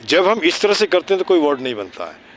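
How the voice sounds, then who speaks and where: A neighbourhood volunteer with a fairly high, sing-song and fairly bright voice talks fast to children outdoors by a city park, with a bit of background noise. Casual in manner, he mixes English into Hindi, recites rhyming cleanliness slogans and tacks tag questions onto nearly everything to check understanding.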